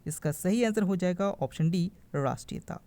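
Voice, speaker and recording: A man's voice: high-pitched, lively intonation, normal speed, mellow, no room sound. A man teaching an online exam-prep grammar lesson, reading out each answer option in turn and then explaining it to his viewers, whom he calls friends. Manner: calls the viewers friends and stresses what to remember. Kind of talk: online quiz-style lesson.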